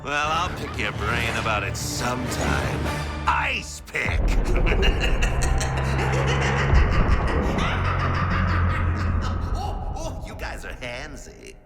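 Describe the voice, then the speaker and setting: An actor playing a manic, gleefully sadistic clown villain with a theatrical, cackling delivery in a video game cutscene. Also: male voice, medium pitch, huge pitch swings, takes it slowly, over loud music, heavily acted. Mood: taunting.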